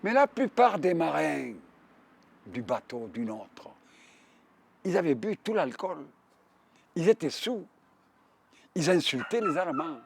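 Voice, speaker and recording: A man's voice: fairly high pitch, sing-song, slow, gravelly, long pauses, slight background noise. A man in his nineties with a Marseille accent, telling his wartime memories vividly, with frequent repetitions. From Provence, France. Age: 90s. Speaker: war veteran witness. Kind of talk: oral history testimony.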